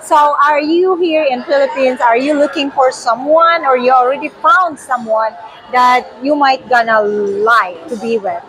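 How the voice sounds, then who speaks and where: A woman interviewing a traveler, eager and quick with short replies and questions. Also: sits high, fairly bright tone, poor audio. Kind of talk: casual interview.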